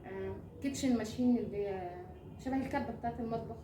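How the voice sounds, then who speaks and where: A woman's voice: a little high, rapid-fire, dark tone. A woman from Egypt with an Egyptian Arabic accent, chatting casually as she co-hosts a dialect word comparison. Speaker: video co-host in a dialect comparison. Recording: roomy echo, clear background noise.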